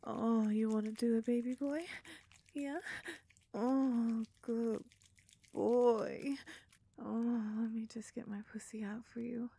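A woman playing a breathy, doting goth lover. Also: a little high, little pitch movement, slow pace, long pauses, no room sound, exaggerated voice. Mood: breathless. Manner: soft whispering, coaxing. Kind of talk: intimate audio roleplay.

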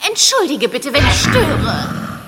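A woman's voice: sits high, very animated, slow pace, long reverb tail, music in the background, exaggerated voice. A woman playing a vain, refined pony with an affected, theatrical manner in a children's cartoon audio play. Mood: coaxing, flattering.

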